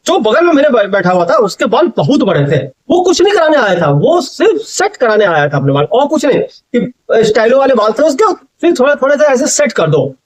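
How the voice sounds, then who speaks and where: A young man vlogger from India, casually retelling a funny barbershop mishap, animated and laughing at his own story. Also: very high voice.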